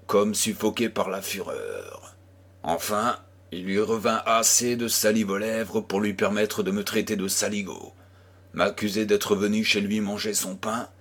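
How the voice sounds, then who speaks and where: A man reading a classic novel aloud as an audiobook narrator, in a measured storytelling manner. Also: on the low side, fairly bright tone, breathy edge. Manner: slow, measured reading, voicing dialogue with small shifts. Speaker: audiobook reader.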